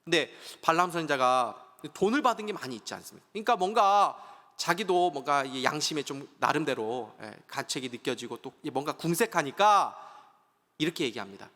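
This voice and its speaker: A male pastor delivers a sermon in a high, bright voice, retelling a story with lively, dramatic flair. His voice rings with a long reverb in a church sanctuary. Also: a little fast.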